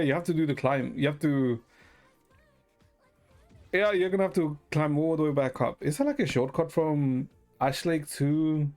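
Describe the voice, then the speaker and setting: A man with a slightly high, slightly mellow voice streams a game and chats casually with his viewers. He thinks aloud hesitantly and uses some mild swearing, while music plays in the background.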